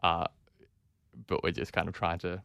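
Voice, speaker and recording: Smooth low-voiced male sports podcaster. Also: completely flat delivery, normal speed, fairly bright tone, dry recording, studio quality. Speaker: podcast co-host. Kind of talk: conversational sports interviewing.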